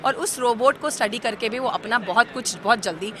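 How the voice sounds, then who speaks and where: A woman representing a university, explaining herself to reporters in a measured way, mixing in English terms. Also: on the high side, crowd noise. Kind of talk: press statement to reporters.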